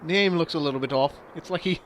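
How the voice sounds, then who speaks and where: A man's voice: a little high, fast, slight background noise. A man giving casual, wry commentary as he plays a video game. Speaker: Let's Play commentator. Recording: loud game music behind the voice.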